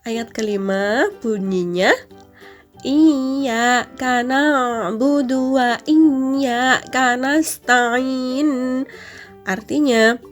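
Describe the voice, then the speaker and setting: A woman teacher explains a lesson to children. She takes her time, over-enunciating and stretching out her phrases deliberately. Some music plays behind her. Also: fairly high pitch.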